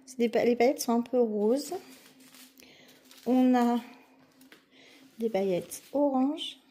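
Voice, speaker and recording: A woman's voice: a little high, takes it slowly, mellow. A woman chatting casually and eagerly while she unboxes a craft kit, with many fillers and restarts. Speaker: diamond painting vlogger.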